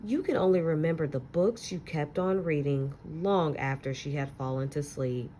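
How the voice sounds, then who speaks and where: A woman teacher reading a children's picture book aloud with gentle, expressive storytelling and soft asides to young listeners. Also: low voice, moderate pace, slight background noise.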